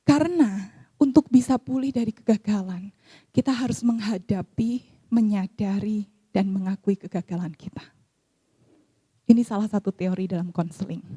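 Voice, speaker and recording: A woman, preaching and counseling in a lively sermon style. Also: medium pitch, normal speed, husky, no room sound. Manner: lively, acts out quoted voices. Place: church.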